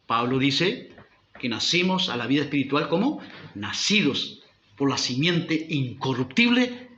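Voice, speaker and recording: A man's voice: mid-range voice, very animated, measured pace, pushed and bright, roomy sound, muffled recording, a little hiss or hum. A man preaching a sermon as pastor, driving points home with rhetorical questions. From Uruguay.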